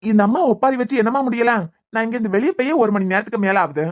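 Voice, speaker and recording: Teasing cartoon husband, voiced by a woman, Kanyakumari accent, rapid talk, slightly high voice. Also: natural voice. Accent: Kanyakumari Tamil. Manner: teasing, mocking. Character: teasing young husband, a doctor.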